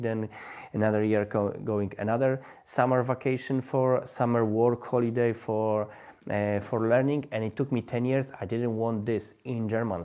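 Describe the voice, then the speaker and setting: A native Polish speaker with a Polish accent hosts a language-learning livestream in English. His voice is medium-pitched and somewhat dark, and he speaks haltingly, restarting often as he hunts for words.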